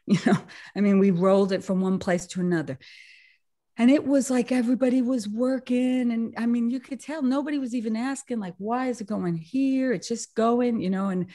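A woman on a video call sharing a personal story with a group, laughing often as she talks. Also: medium pitch. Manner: animated, laughing often, many restarts. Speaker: satsang participant sharing a story.

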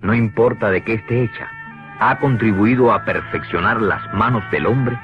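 A man with a lowish voice narrates an educational cartoon from a script, explaining things didactically at a moderate pace. The recording is a dull, lo-fi old cartoon soundtrack with clear background music.

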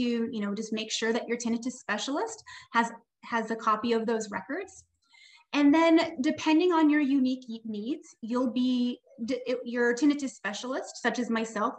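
A woman audiologist presenting on a video call webinar, explaining in a steady, informative way. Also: a little high. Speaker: audiologist and tinnitus specialist.

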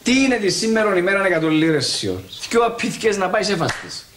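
A man's voice: sits high, very animated, a bit bright, slight background noise. An actor playing a polite, coaxing man with a Cypriot Greek accent who tries to talk an old man round. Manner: polite, coaxing, formal address. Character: smooth-talking adult man, persuasive go-between. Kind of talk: TV sitcom acting. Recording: roomy echo.

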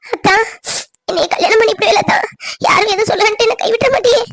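A woman voicing a tender, lonely young village woman in a cartoon, speaking softly and pleadingly. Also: high voice, animated, fairly quick. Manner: soft, pleading, tearful. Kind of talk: cartoon voice acting.

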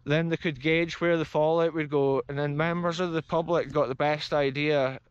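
Filming himself with an action camera held near, a Scottish explorer vlogger in his thirties narrates a walking tour across an open grassy field, addressing viewers enthusiastically as "folks." His slightly high voice is clear and resonant, with fairly even intonation at a normal speed. The recording has no room sound and its highs are cut off.

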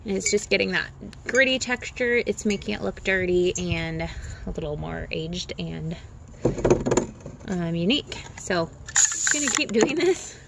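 Chatty woman with a gravelly edge. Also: lowish voice, lively intonation, measured pace, background noise. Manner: chatty, lots of "um" and "like", light laughs. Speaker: DIY crafter. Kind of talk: casual DIY vlog narration. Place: outdoors at a patio table. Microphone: phone held in one hand.

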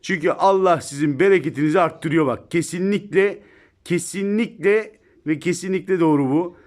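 A man's voice: on the high side, moderate pace. A man chatting casually to viewers about his cat in a home video, filmed on a phone indoors. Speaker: pet vlogger.

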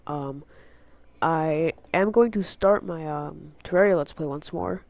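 This gaming channel host is a teenage boy whose fairly high male voice is darkish with vocal fry, and he talks a little slowly. Congested from a cold, he rambles casually through a channel update, piling on fillers and drifting into tangents, using an unfamiliar headset mic. There's no room sound.

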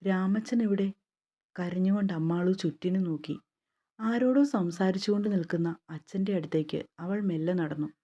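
A woman narrating a romance novel in a calm, steady storytelling manner. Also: on the low side, fairly quick, highs cut off.

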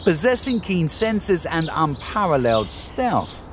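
A man reading scripted nature documentary narration in a measured, formal way. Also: a little high, sing-song, slight background noise.

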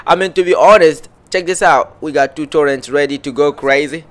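A man commenting on his own gameplay as it happens, excitable and chattering to himself. His voice sits a little high with a bright, forceful edge. He loops the same words again and again as the action heats up. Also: brisk. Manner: excitable, repeats phrases, talks to himself.

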